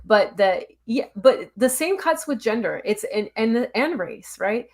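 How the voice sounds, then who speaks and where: A woman's voice: on the high side, animated, unhurried. A woman from California co-hosting a podcast, speaking in a frank, emphatic, conversational way. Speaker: podcast co-host. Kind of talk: casual conversation.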